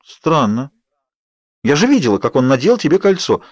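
A man's voice: medium pitch, big pitch swings, normal speed, dry recording, pitched above the performer's own voice. A man voicing a pleading, bubbly young woman friend in an audiobook, coaxing and wheedling. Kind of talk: audiobook character voice.

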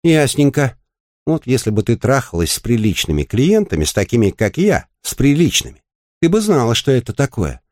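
A man voicing a brash, crude male bike courier who teases and needles in a coarse way, raised above his own voice and lively. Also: medium pitch, normal speed, no room sound, clean studio sound, pitched above the performer's own voice, lightly acted. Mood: mocking.

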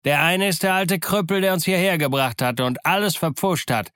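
A shrill pirate ringleader screeches to his mates, pitched far up and loud, as a male narrator puts him on. Close, dry sound. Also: moderate pace, clean tone, no room sound, close to an everyday voice. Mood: agitated.

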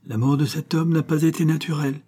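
Young victorian doctor, shaken but firm, urgent commands, husky mellow voice, a male narrator doing him. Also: mid-range voice, animated, moderate pace. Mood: commanding.

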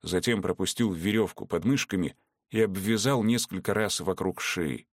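A man narrating an audiobook in a steady, dramatic storytelling manner. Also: deep voice, normal speed, no room sound, studio quality.

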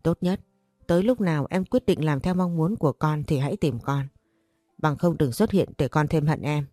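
A woman's voice: low voice, moderate pace, dark tone, no room sound, studio quality, faint music behind. A woman reading the lines of an angry, estranged father who accuses his ex-wife in a storybook tale. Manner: accusing, bitter.

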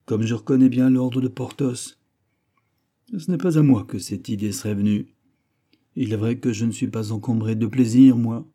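A man voicing a bold, middle-aged male musketeer who asks brisk, teasing questions. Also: medium pitch, dark tone, lightly acted. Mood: eager.

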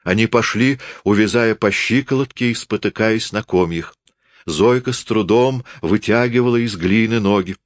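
A man reading a novel aloud as an audiobook narrator, in an expressive storytelling manner. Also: fairly low pitch, normal speed, no room sound, studio quality. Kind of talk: scripted literary narration.

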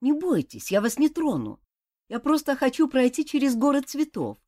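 A woman voicing a young novice monk, tired and defiant, trying to sound loud and sure. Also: high voice, huge pitch swings, normal speed, pitched above the performer's own voice, full character voice. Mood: reassuring.

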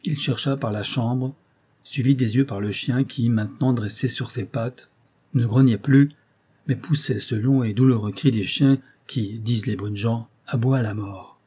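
A man reading a novel aloud with steady narration. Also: medium pitch, unhurried, breathy edge. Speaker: audiobook reader.

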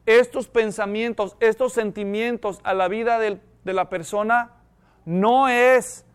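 Pastor, male, high and clear-voiced, preaching a sermon full of rhetorical questions.

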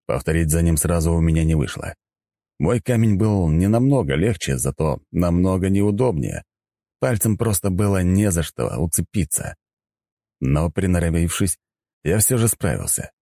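Male audiobook narrator, low dark voice, dry close sound. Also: expressive, normal speed, no echo. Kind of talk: first-person audiobook narration.

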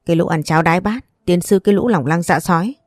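A woman's voice: fast, dry recording, studio quality, natural voice. Woman reading as a cursing old grandmother. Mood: outraged. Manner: cursing, shrill scolding. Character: furious, foul-mouthed old grandmother.

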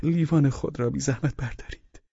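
A man's voice: creaky, mellow, slightly rough, no room sound, highs cut off. A man doing a drunk, frantic, fawning husband. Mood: insistent. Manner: pleading, insistent, high and strained. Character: drunk, fawning, excitable middle-aged husband.

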